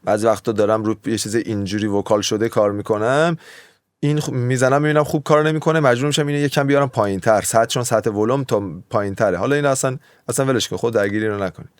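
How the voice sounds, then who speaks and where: A man's voice: mid-range voice, no echo. A man explaining audio mixing in a casual, chatty tutorial, wandering off into tangents and then waving them away. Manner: chatty, digressive, often waves off his own tangents. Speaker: music producer teaching mixing.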